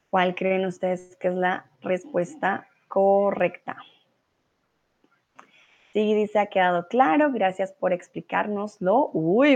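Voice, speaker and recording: A woman from Colombia with a Colombian accent leads a live online Spanish lesson. She speaks slowly and patiently in a mid-pitched voice, encouraging her students and slipping into English and German to explain. The audio is a little dull and lo-fi. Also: a little mellow. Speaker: Spanish teacher.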